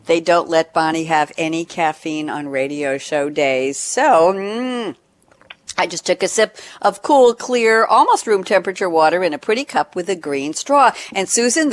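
An older American woman hosting a radio show in a chatty, playful, theatrical way, repeating phrases for effect. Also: on the low side.

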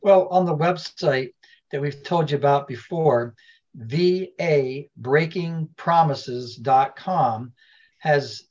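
A man's voice: mid-range voice, darkish tone. Plain-spoken man on lo-fi audio. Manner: plain and informational. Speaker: veteran guest. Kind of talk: podcast interview.

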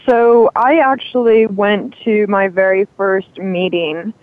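Sarcastic high-voiced man on a tinny line. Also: steady tone, takes it slowly, no echo. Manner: dry, sarcastic. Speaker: assistant and guest.

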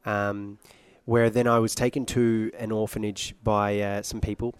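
A man's voice: on the low side, flat delivery, measured pace, clean tone, no room sound. A man talks as a guest on a radio interview, joking and playful. He is from Iraq and works as a singer. The sound is close and dry. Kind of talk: interview conversation.

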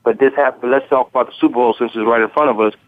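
A man's voice: medium pitch, fairly even intonation, rapid-fire, no echo. Male co-host on a phone line; casual, repetitive analysis; thin phone sound. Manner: repeats words, loose and talkative. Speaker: sports radio co-host and analyst. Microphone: telephone.

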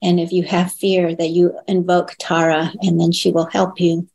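A woman born in Hong Kong and raised in the United States, a guest in an interview, speaking thoughtfully with pauses and restarts and lifting her voice when she quotes others. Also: fairly low pitch, flat delivery, creaky, a little mellow. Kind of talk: reflective personal interview.

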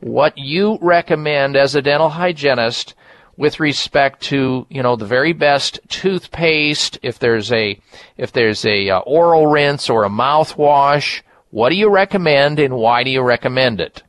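A man presents a radio health show at a middling pitch in a dry, close sound. He explains things conversationally and drives key points home through repetition. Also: a little slow, a bit bright, dry recording.

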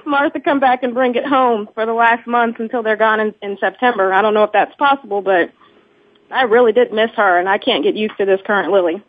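A chatty woman from Georgia calling in to a radio show, heard through a thin, clipped telephone line. Her voice sits a little high and slightly husky. The call sounds dry, with no room around it. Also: brisk, no echo. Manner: chatty, laughs between remarks. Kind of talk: casual phone chat. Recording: narrow-band phone call, dry.

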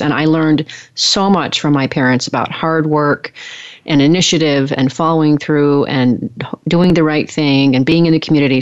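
A woman with a low-pitched voice hosts and conducts a conversational interview, sounding encouraging and appreciative. The recording is dry and has no echo, with a slightly dull, lo-fi sound.

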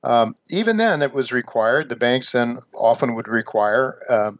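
An older man in his seventies from the United States speaks as a radio host in a dull, lo-fi recording. His pitch sits at an ordinary middle level. He explains things in a measured monologue, pausing and hesitating as he goes. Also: no room sound. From United States, Ohio. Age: 70s. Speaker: radio show host and newsletter editor. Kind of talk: radio monologue on financial markets.

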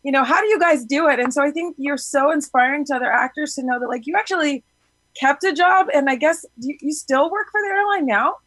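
Woman co-host, very high voice, dry close sound, chatty. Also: brisk, dry recording. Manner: chatty, quotes others in lively retelling. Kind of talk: live talk show chat.

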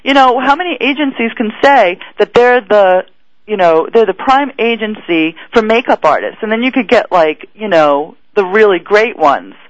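High-voiced chatty male radio host. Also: expressive, normal speed, no echo. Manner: chatty, laughs often, teasing. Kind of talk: casual radio interview. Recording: dull lo-fi radio audio.

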